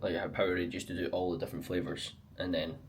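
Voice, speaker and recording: A man's voice: deep voice, little pitch movement, fast talker, a little hiss or hum. A young Scottish man chatting casually and colloquially to a handheld camera in a vlog. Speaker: vlogger, amateur marathon runner. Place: on the move around a city, partly outdoors. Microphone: handheld action camera.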